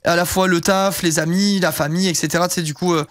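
High-voiced young man chatting on stream. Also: steady tone, quick pace, fairly bright tone, dry recording, clean studio sound. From southern France. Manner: rambling, heavy fillers, casual swearing. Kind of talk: casual live-stream chat while gaming.

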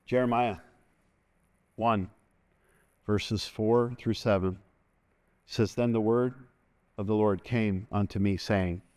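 A middle-aged man preaching a sermon from a church stage, animated and constantly calling for an "amen" from the congregation. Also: on the low side, takes it slowly, long pauses. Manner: animated, moves about the stage, call-and-response asking "amen". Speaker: pastor. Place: large church stage, indoors.

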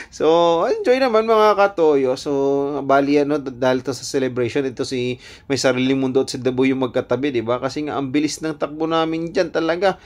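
A man vlogging casually at an outdoor night carnival, joking about himself and laughing often, recorded on a phone camera. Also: a little high. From Philippines. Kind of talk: casual vlog narration.

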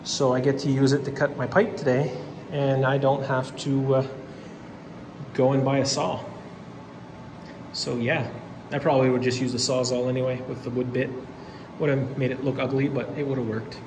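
In an echoing concrete basement with background noise, a man walks with his phone camera, casually describing the repair work he's doing himself. He's a DIY home renovator whose mid-range voice is delivered flatly at normal speed, rambling matter-of-factly with frequent fillers.

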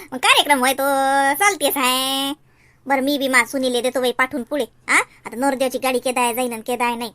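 Brief: fast-talking woman with a bright, sharp voice in a village comedy sketch. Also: sits high. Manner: chatty, fussing village banter.

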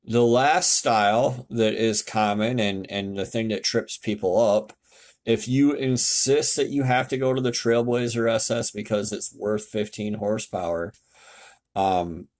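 A man's voice: fairly low pitch, a little slow, darkish tone. A man giving a casual, blunt tutorial over a screen share, swearing now and then and correcting himself as he goes. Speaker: car tech YouTuber explaining fuel systems. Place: home, indoors.

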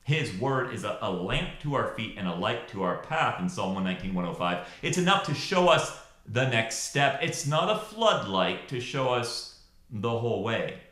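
A man preaching a sermon, telling scripture stories with dramatic pauses and rising emphasis. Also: medium pitch, echoey room. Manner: expressive storytelling with dramatic pauses.

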